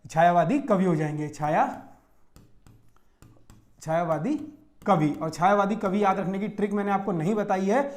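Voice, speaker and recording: A man's voice: high voice, fairly even intonation, fast, hardly any pauses, a little mellow. A man from Uttarakhand teaching an exam-prep lesson in Hindi, explaining step by step and checking in often with his students. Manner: explains step by step, with frequent "theek hai" checks.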